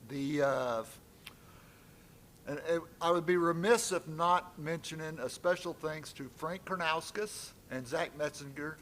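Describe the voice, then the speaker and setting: Male presenter opening a meeting, slightly higher voice, loose and easygoing delivery on a stage mic. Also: unhurried, a bit bright. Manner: friendly, lightly joking, off-the-cuff. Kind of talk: public address at a conference. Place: conference meeting room.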